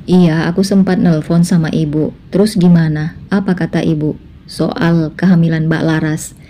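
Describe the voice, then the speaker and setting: A woman's voice: deep voice, little pitch movement, moderate pace, warm tone, a little hiss or hum, lightly acted. A woman voicing an eager, insistent young second wife in a spoken family drama story. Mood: questioning.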